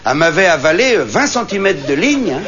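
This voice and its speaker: With a high pitch, big swings in his voice, and a fairly quick pace, a stand-up comedian performs a comic monologue on stage over a noisy background. His character is a chatty, colloquial bragger boasting about hunting and fishing. The dull live recording carries a loud audience and laughter.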